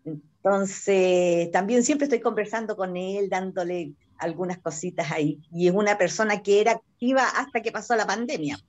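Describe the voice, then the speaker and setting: A woman's voice: medium pitch, moderate pace. A woman on a video call, telling a conversational anecdote. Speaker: workshop participant.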